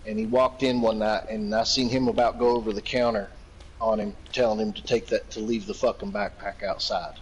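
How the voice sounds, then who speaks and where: A man's voice: fairly low pitch, little pitch movement, fairly quick, husky, rough recording. A man from Virginia telling long, profane, rambling anecdotes in casual chat, laughing often. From Virginia, United States.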